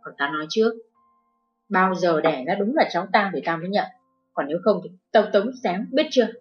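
Voicing an enraged, abusive middle-aged mother-in-law in an audio story, a woman shrieks and wails in a natural, fairly low voice. She talks a little fast with lively intonation. The lo-fi recording sounds dull, with faint music behind her.

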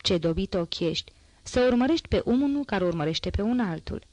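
A woman voicing a sharp-witted young man who teases his friend with playful, mocking quips, in an audiobook reading. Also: medium pitch, expressive, no echo, highs cut off, close to an everyday voice.

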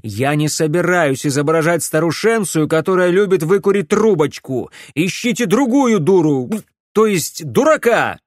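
A man voicing a gruff young man in an audiobook, grumbling and loudly defiant. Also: on the high side, very animated, unhurried, dry recording, clean studio sound, pitched above the performer's own voice.

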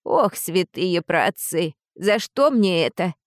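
A woman's voice: medium pitch, lively intonation, unhurried, no room sound, clean studio sound, lightly acted. Woman voicing Tirion, a haughty hissing lizard. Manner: hissing, condescending. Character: haughty male lizard guardian spirit, small, prickly.

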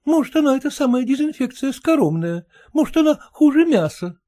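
A man voicing a quarrelsome, pious merchant's wife in a shrill, protesting voice. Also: sing-song, a little fast, warm tone. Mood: indignant.

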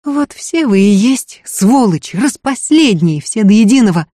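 A man reading aloud, voicing a fiery, quick-tempered young woman who scolds at full voice. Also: extremely high pitch, dry recording, studio quality, pitched above the performer's own voice. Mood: furious. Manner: shouting, scolding. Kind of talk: audiobook reading.

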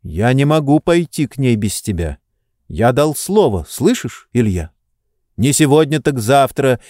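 A man voicing an energetic, insistent friend who urges and reproaches in an urgent tone. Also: mid-range voice, a little slow, dry recording, studio quality.

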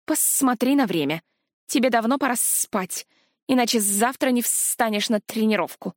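A woman's voice: on the high side, lively intonation, moderate pace, no room sound, clean studio sound, lightly acted. A woman voicing a fussy ghost dragoness. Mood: strict. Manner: strict then doting, scolding. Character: fussy motherly ghostly dragoness guardian, female.

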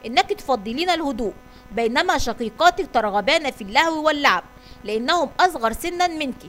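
A woman's voice: sits high, expressive, brisk, a bit bright, slight background noise. A woman reading the lines of a kind, patient mother in a children's story, tender and wise.

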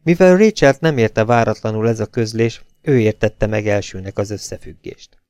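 A man reading a novel aloud as an audiobook narrator, steady and measured. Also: lowish voice, clear, resonant tone, dry recording, studio quality.

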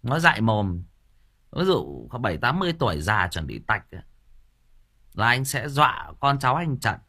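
A man's voice: medium pitch, big pitch swings, moderate pace, pushed and bright. A man hosting an audiobook livestream in a casual, joking chat, rambling and stumbling over repeated filler words. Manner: jokey and playful, laughs at his own stories. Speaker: audiobook host chatting with listeners.

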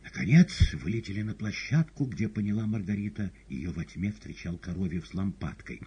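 Man, audiobook narrator, dramatic reading, dark mellow tone, very raspy. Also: deep voice, animated, normal speed. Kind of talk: scripted literary narration.

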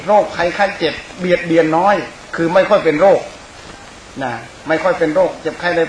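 A man's voice: high voice, steady tone, a little fast. A man, a Buddhist monk and teacher, giving an informal Dhamma sermon in a conversational, rambling way, speaking directly to his listeners. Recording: echoey room, clear background hiss.

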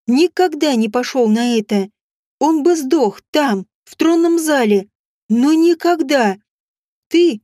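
A woman voicing a jealous, vicious non-human bride who snarls and shouts with scorn. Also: sits high, no room sound, clean studio sound. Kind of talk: audiobook character voice.

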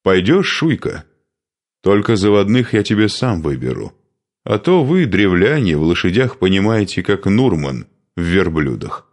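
A man's voice: low voice, very animated, unhurried, voice pushed up, exaggerated voice. A man voicing a boastful young male steppe horseman who teases his comrades. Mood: teasing. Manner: cocky, teasing.

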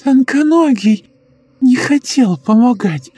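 A man voicing a sly, sinister old woman who speaks in a slow, eerily calm coo in a horror audiobook. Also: high voice, husky, no echo, pitched above the performer's own voice, full character voice. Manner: slow cooing, sinister giggles.

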